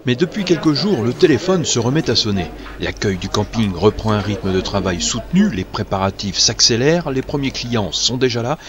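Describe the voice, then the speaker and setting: A man reading a scripted news voice-over in a measured, even manner. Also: medium pitch, crowd noise. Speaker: news narrator.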